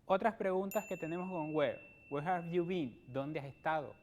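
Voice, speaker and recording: A male English teacher with a Venezuelan Spanish accent and a slightly high voice leads a broadcast lesson. He speaks patiently and keeps checking in with "ok". He slows right down to drill English words one by one. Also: a little mellow, a little hiss or hum. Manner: slow, careful English pronunciation drills. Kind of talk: televised lesson.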